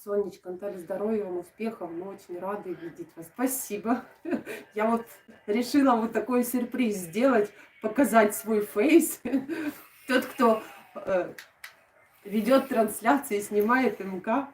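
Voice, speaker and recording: A young adult woman with an Odesa accent chatting casually and affectionately to live-stream viewers, in a halting way with thoughts that trail off. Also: mid-range voice, a little mellow, a little hiss or hum. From Odesa region, Ukraine. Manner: affectionate, uses endearments and diminutive names. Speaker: craft video blogger and live streamer. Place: indoors at home. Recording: echoey room, distant microphone.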